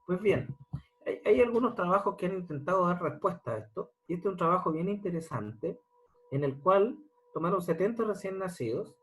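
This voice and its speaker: A man's voice: high-pitched, expressive, moderate pace, rough recording. A man, a pediatric surgeon, giving a medical lecture and asking his audience rhetorical questions. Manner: explanatory, asks rhetorical questions.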